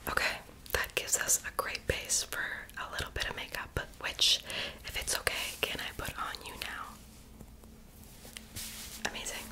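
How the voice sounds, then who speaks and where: Young female ASMR performer, whispered role-play, close-up breathy whisper with tingly mouth sounds. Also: moderate pace, long pauses, pushed and bright, poor audio. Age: young adult. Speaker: ASMR performer playing a friend doing homework and makeup on the listener. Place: small bedroom, indoors.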